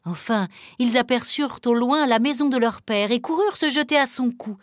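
A woman narrating a fairy tale in a calm, measured reading with dramatic pauses. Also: a little high, no echo, studio quality. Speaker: storyteller.

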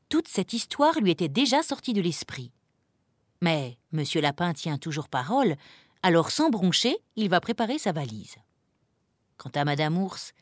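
A woman narrating a children's story in a lively, expressive reading voice. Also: medium pitch, no echo, clean studio sound.

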